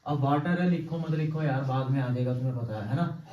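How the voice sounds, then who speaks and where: A man's voice: medium pitch, a little hiss or hum. Man teaching chemistry, quizzing students. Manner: quizzes students with constant checks like "clear?"; answers his own questions, slow stepwise counting. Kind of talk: classroom lecture at a board. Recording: echoey room, distant mic, dull sound.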